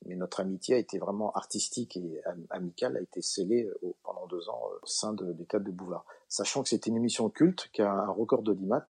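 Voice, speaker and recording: A middle-aged man, a comedian guest in an interview, telling anecdotes in a relaxed way with many fillers and acted-out dialogue. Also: low voice, fast, hardly any pauses, husky. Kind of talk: relaxed storytelling.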